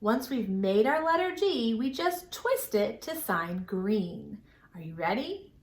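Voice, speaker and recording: Taking her time, a woman with a somewhat high voice leads a children's storytime lesson, asking questions and encouraging kids with simple, exaggerated phrases. She is animated and occasionally sing-song, recorded in an echoing indoor room.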